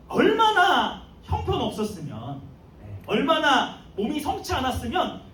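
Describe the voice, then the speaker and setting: A man preaching to a youth group, telling the story animatedly with slang and chuckles. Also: very high-pitched. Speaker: youth pastor. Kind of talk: youth sermon. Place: church sanctuary. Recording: echoey room, mic far off.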